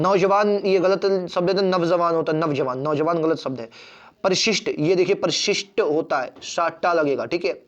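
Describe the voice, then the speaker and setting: A man teaching an online exam-prep Hindi lesson, repeating words and checking in with "theek hai". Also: fairly high pitch. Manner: repetitive, drills spellings with "theek hai". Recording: dull lo-fi recording.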